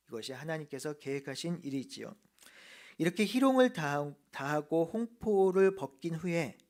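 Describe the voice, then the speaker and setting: A male pastor delivers an earnest sermon in a slightly high voice. He slows down to lean on the key phrases. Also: a little mellow. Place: church.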